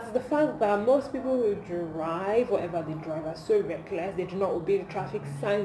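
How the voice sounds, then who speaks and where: A woman with a Nigerian accent, chatting casually in an amused, emphatic way as she films a comedic vlog on her phone. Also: medium pitch. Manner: amused, animated, emphatic with rhetorical questions. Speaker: video creator. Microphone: phone camera. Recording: echoey room, clear background noise, phone recording.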